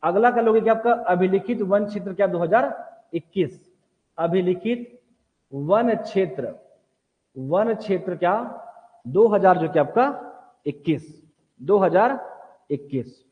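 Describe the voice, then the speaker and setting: High-voiced man drilling a class. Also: moderate pace, pauses often. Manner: repetitive question-and-answer drilling; directs students to write notes. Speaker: teacher. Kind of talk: exam coaching lecture. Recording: tinny phone-like sound in a reverberant hall.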